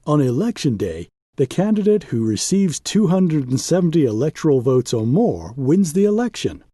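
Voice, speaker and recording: A man's voice: fairly high pitch, big pitch swings, moderate pace, mellow, slightly rough, dry recording, studio quality. A man voicing patient grade-school teachers in a storybook, explaining things in an instructive way.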